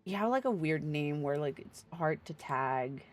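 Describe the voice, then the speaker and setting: Game music plays behind a woman with a deep, animated voice who speaks a little slowly while livestreaming. Between reading game dialogue aloud, she chats irreverently, full of teasing and swearing.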